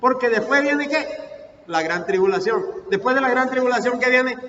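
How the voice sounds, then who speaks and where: A man preaching a sermon as pastor, asking rhetorical questions and reading scripture aloud with slow emphasis. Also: very high voice, fairly bright tone, slight background noise. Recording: echoey hall, distant mic, muffled sound.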